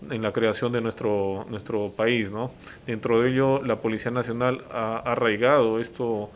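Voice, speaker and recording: Cop talking on local tv, lots of ehs and "no?", faint hiss behind. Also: male voice, medium pitch. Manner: halting, many fillers and tag questions. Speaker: police officer. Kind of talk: local TV interview.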